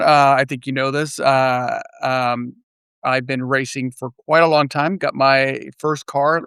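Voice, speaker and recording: Gravelly, even-toned middle-aged man. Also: mid-range voice, no echo. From Puerto Rico. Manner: measured, frequent "uh" pauses. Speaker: podcast guest, RC racer. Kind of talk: casual interview chat. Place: remote, virtual studio.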